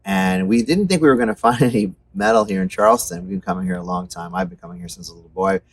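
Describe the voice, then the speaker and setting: Low-voiced middle-aged man, rambling host. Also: sing-song, quick pace, creaky. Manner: rambling, enthusiastic, many fillers. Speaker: show host. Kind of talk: casual chat about metal music. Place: on a city street at night.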